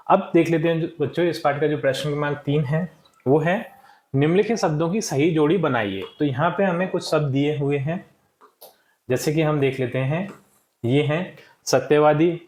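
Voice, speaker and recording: A male teacher walking young pupils through textbook answers, saying each word slowly for them to repeat and often checking in with "ठीक है". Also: fairly high pitch, darkish tone, roomy sound. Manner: slow and deliberate, checks in with frequent "ठीक है". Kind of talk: classroom lesson walkthrough.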